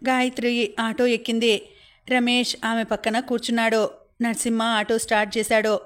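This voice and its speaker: A woman's voice: fairly high pitch, normal speed. Woman narrating an audiobook novel. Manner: steady, even storytelling.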